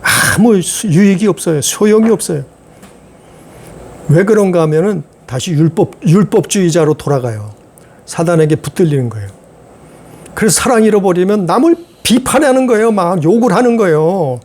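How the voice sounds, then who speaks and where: A man's voice: sits high, expressive, moderate pace, a little mellow. A male pastor preaching a sermon, repeating phrases and asking the congregation rhetorical questions.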